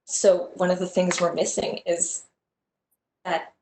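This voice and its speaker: Soft-spoken young woman moderator. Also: lowish voice, level tone, slow, slight background noise. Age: young adult. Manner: soft, affirming, casual. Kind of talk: moderating a virtual panel. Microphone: video call. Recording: echoey video call.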